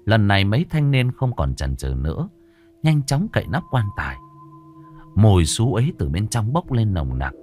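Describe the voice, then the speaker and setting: A man narrating a ghost story in a suspenseful, expressive way. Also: lowish voice, moderate pace, soft background music.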